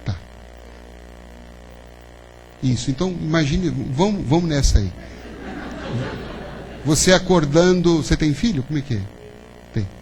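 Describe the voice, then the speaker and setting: His voice sits on the high side, a little mellow, with lively intonation; he goes a little slow and pauses often. He's giving a conversational spiritist lecture in a spiritist center's lecture hall, full of questions to listeners and "né?". Poor audio, with a faint hum behind him.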